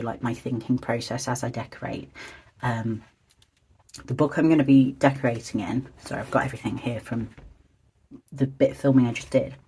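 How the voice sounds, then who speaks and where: A stationery and journaling video creator speaks softly in a mid-pitched, slightly croaky, husky voice. Low-key, hesitant and meandering, she chats and thinks aloud while decorating in a calm, quiet craft vlog.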